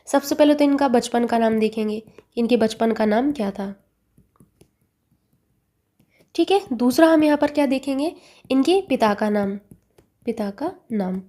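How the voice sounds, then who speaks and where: A woman with a warm, mellow, fairly high voice teaches an exam-prep lesson at a moderate pace, speaking close to the mic. She asks a short question, answers it herself, and repeats the key word so it sticks.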